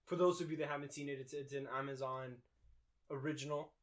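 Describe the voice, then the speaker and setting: A man's voice: fairly high pitch, fairly even intonation, fast talker. A young man from Mexico co-hosting a podcast in a laid-back, casual chat, swearing and laughing easily. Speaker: podcast co-host.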